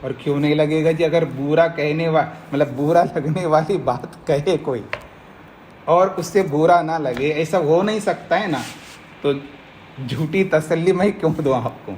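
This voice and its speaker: Here the swami's voice is a little high and a little mellow, with faint hiss or hum in the recording. Lecturing his class on Hindi scripture and Nyaya philosophy, he explains things slowly in careful steps and repeatedly asks if everyone follows.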